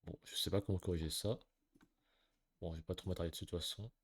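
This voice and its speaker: A man quietly muttering his way through a game, commenting to himself as he explores. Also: low-pitched, fairly even intonation, fast, slightly rough. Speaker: gamer. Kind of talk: let's play commentary.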